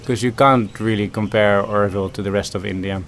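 A man's voice: lowish voice, fairly even intonation, brisk, fairly bright tone, slight background noise. A man from the Netherlands, a food system consultant answering interview questions thoughtfully, with many ums and restarts.

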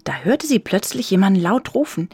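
A woman narrating a children's story in an expressive, soft storytelling manner. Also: mid-range voice, fairly quick, breathy edge, no room sound, clean studio sound.

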